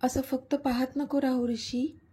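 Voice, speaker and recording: A shy, emotional young heroine from a romance storybook, as the narrator reads her. She pleads in a gentle way. The voice sits a little high, with a mellow, breathy tone. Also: flat delivery, a little slow, heavily acted. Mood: pleading.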